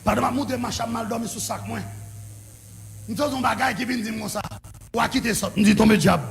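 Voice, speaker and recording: A male pastor with a Haitian French accent telling his story in a sermon, excited and often breaking into shouts. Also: very high-pitched, fairly quick, vocal fry, soft background music. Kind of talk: preaching sermon testimony.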